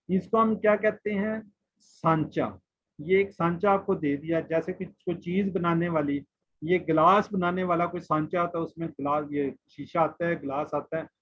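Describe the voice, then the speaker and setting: A man teaching a Quran class online, patiently drilling letters and word forms and asking his students questions. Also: on the high side. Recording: muffled lo-fi online class audio.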